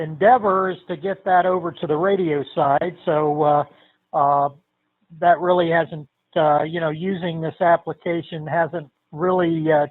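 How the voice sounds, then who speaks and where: An older man checks in to an amateur radio net, and he comes through a tinny narrow-band radio transmission. His voice is high for a man, and the sound is dry and thin. He talks in a relaxed, rambling way. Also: no echo.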